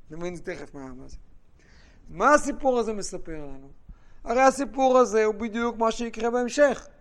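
High-voiced man teaching a Bible class. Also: smooth. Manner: animated storytelling with asides to students.

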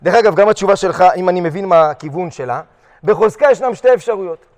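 Animated rabbi teaching in a hall. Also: male voice, high-pitched. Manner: animated, questions the class, acts out short quotes. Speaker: yeshiva teacher. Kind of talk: halakha lesson to students.

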